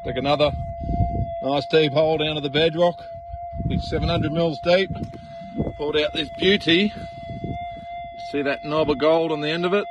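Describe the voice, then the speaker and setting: A man's voice: on the high side, huge pitch swings, normal speed, pauses often. A man vlogging casually as a gold prospector in a laconic, understated way, recorded outdoors. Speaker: gold prospector filming finds. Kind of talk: casual field vlog. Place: outdoors at a gold digging site. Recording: clearly noisy outdoor handheld recording.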